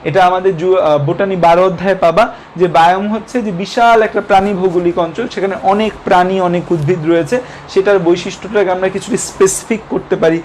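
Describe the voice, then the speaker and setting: Young male tutor, high-pitched, repetitive Q-and-A lecture style, faint noise floor. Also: steady tone, quick pace, a little mellow. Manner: repetitive question-and-answer teaching, code-mixing English terms. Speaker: biology teacher. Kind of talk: online lecture.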